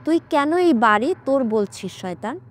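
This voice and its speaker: A woman voicing a calm, commanding male exorcist in a horror audiobook, stern and mocking as he questions a spirit. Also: sits high, moderate pace, a little hiss or hum. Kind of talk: audiobook character voice.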